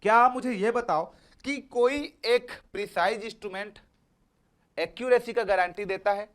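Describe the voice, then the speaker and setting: A man's voice: sits high, moderate pace, fairly bright tone. A man teaching an exam-prep lecture, repeating points and coaxing his students with frequent checks that they follow. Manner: repetitive, coaxing, calls students "beta".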